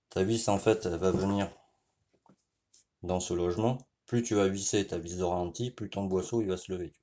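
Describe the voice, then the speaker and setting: A man's voice: sits low, background noise. A man with a French accent gives a casual hands-on repair tutorial, talking directly to the viewer and often checking in with "you see" while he works. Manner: informal, speaks directly to the viewer, frequent "tu vois"; explains while working, with pauses and restarts. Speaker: motorcycle mechanic.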